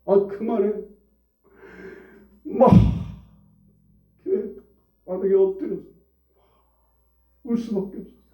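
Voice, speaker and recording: A pastor in his forties preaching a conversational sermon in a church, swinging between hushed asides and loud, high outbursts. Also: expressive, slow, pauses often. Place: church sanctuary. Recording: roomy, distant, dull church recording.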